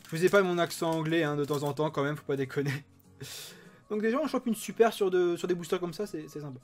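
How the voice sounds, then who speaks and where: A man's voice: fairly high pitch, quick pace, faint music behind. Chatty man opening card packs. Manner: enthusiastic, chatty, reads card names aloud. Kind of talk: casual unboxing commentary.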